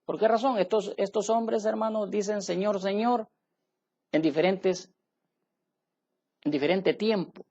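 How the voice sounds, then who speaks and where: A man's voice: sits high, fairly even intonation, a little slow, long pauses, darkish tone, muffled recording. A male preacher giving an emphatic sermon in a church. He keeps turning to his listeners to check that they follow him. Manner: emphatic, asks listeners "¿me entiende, hermano?". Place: church tabernacle.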